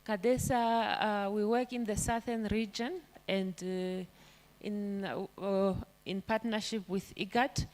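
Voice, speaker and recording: A woman's voice: mid-range voice, fairly even intonation, slow, a little mellow. Research center representative: a woman introducing her organization, hesitant, with many fillers. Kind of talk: conference self-introduction.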